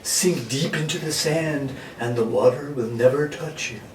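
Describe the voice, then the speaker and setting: A man's voice: mid-range voice, measured pace, natural voice. A man voicing a mischievous know-it-all sock puppet in an amateur comic skit, coaxing and mock-instructive. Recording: echoey room, distant mic, faint noise.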